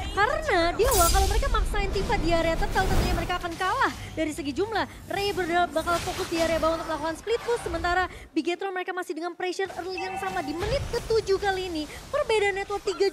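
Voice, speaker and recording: Very high-pitched, fast Indonesian woman caster. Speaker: esports caster. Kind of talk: analytical game commentary. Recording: music behind the voice.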